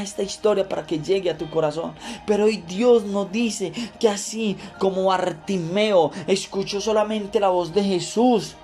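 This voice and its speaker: A man's voice: high-pitched, darkish tone. A male pastor giving a devotional sermon and reading scripture, preaching fervently and repeating phrases for emphasis.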